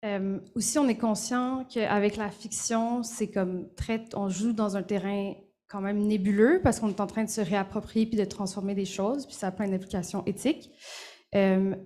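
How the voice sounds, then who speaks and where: A woman's voice: mid-range voice, fairly even intonation, moderate pace, mellow. A woman giving an informal, reflective answer as a panel presenter.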